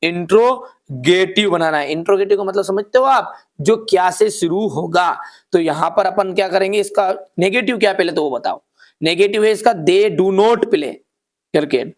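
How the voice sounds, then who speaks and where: A man teaching an exam paper, explaining patiently and reading sentences word by word. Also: high-pitched. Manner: patient, explaining slowly with frequent checks; reads English sentences word by word.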